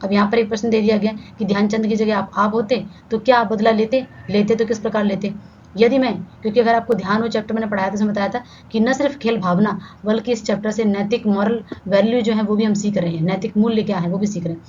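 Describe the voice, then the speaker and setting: A woman's voice: medium pitch, steady tone, fast talker, a little mellow. Patient woman teaching Hindi grammar. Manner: explains step by step, often checks in with "ठीक है". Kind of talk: online Hindi grammar lesson. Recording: slightly dull lo-fi sound with faint background hiss.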